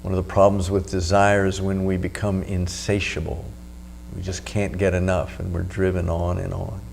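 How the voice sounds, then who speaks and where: Low-voiced man teaching meditation over background hum. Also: vocal fry, a little mellow. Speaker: meditation teacher and video host. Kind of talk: spoken meditation instruction.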